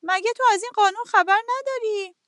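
A woman's voice: very high voice, fairly bright tone, no room sound, clean studio sound, pitched above the performer's own voice. A woman doing a sly, sweet-talking fox. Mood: sly coaxing. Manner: sweet-talking, coaxing, drawn-out. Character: cunning hungry male fox, smooth flatterer.

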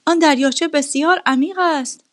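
A woman voicing a selfish, hot-tempered king in a storybook reading, commanding and shrill when alarmed. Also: lightly acted. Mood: imperious.

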